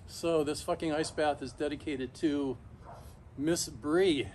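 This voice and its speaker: A middle-aged man talking casually and haltingly to camera outdoors, shivering in ice-cold water, pausing often mid-thought. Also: on the high side, steady tone, darkish tone. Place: backyard, outdoors, in an ice bath. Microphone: camera a few metres away. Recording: noisy outdoor recording, ambient hum.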